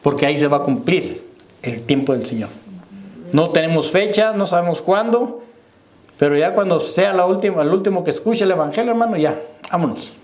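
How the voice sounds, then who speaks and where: Man, pastor, high voice, sermon in a reverberant church. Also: lively intonation, fairly quick, darkish tone. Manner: preaching to the congregation, repeating "hermano" and "¿me entiende?". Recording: echoey church hall.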